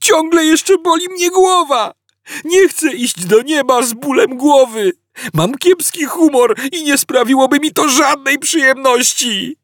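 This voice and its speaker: A man reading an audiobook, voicing a panicky, put-upon Englishman who wails and complains in a shrill voice. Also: measured pace, fairly bright tone, dry recording, clean studio sound. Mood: wailing.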